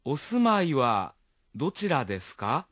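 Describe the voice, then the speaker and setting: A courteous young man in a radio-lesson dialogue, voiced by a man speaks with a husky tone and a very animated, wide-ranging melody. He shapes each phrase carefully so that learners can copy it. The voice is recorded dry and close. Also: a little high, no echo, heavily acted. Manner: careful, polite phrasing, read slowly for practice.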